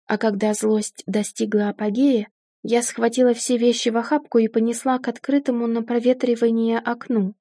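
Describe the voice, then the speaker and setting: A woman narrating a first-person story as an audiobook in a steady, measured way. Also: fairly high pitch, no echo, studio quality.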